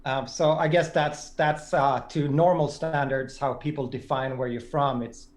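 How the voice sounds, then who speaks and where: A man in his forties from Sweden, a native Swedish speaker, chatting as a podcast guest. His voice sits a little high, and he speaks reflectively, circling back and restarting his sentences. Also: fairly even intonation, unhurried. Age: 40s. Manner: thoughtful, with many restarts. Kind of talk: casual conversation.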